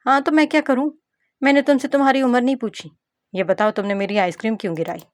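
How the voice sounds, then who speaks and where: A woman voicing a stubborn, bratty ten-year-old girl with a shrill, whiny, demanding voice. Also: fairly even intonation, fast talker, no echo, close to an everyday voice. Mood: bratty whining.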